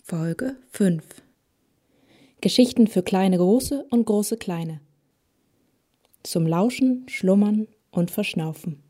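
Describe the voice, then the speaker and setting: A woman speaking a soft, breathy scripted intro to a children's story podcast. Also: mid-range voice, slow, long pauses.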